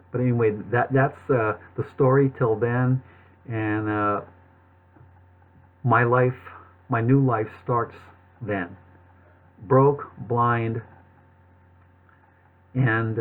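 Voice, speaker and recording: A man telling his personal story to viewers in a halting way, with a slight lisp and numb-lipped speech, as if numb from the dentist. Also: medium pitch. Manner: halting, with long pauses and repeated words. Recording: thin, phone-like narrowband sound.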